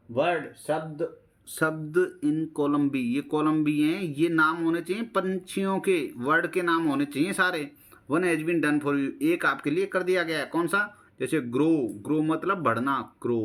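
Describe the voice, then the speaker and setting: A man's voice: fairly high pitch, fairly bright tone. A man teaching a children's English lesson with an Indian accent, patiently repeating each phrase in Hindi. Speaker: primary school English teacher. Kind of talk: bilingual classroom-style lesson explaining a textbook.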